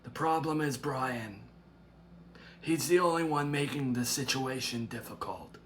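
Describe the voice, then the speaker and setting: A man voicing a stern older grandmother who speaks in a measured, grave and threatening way, in an amateur drama. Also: medium pitch, fairly bright tone, slight background noise, lightly acted. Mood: menacing. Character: stern protective grandmother, older woman, menacing resolve.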